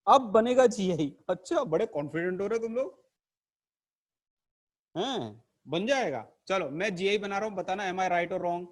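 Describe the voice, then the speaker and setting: A man's voice: high-pitched, animated, measured pace, long pauses. A man teaching an online chemistry lesson to camera in a playful, theatrical way, teasing his class. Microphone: camera mic.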